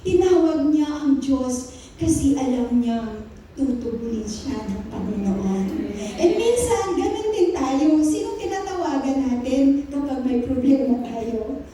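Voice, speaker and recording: A woman pastor with a Filipino accent, preaching an animated sermon in a mix of Tagalog and English. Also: high voice, measured pace. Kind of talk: Taglish sermon. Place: church. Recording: echoey church hall, voice from a distance.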